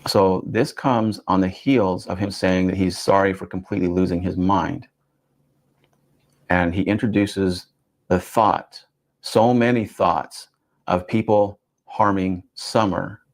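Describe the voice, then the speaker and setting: Deep gravelly man analyzing statements. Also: steady tone. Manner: measured, questioning, dwells on phrases. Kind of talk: analytical commentary.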